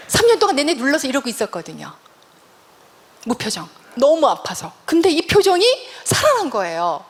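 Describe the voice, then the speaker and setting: Middle-aged woman testimony speaker, high and very expressive, church hall reverb. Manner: animated storytelling, acts out dialogue. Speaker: guest speaker, professor. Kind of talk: testimony sermon.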